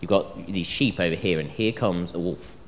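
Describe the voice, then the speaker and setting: A man's voice: deep voice, moderate pace, a little hiss or hum. A man preaching a sermon, telling the story with energy and acting out the voices he quotes. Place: church hall. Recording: long reverb of a church hall.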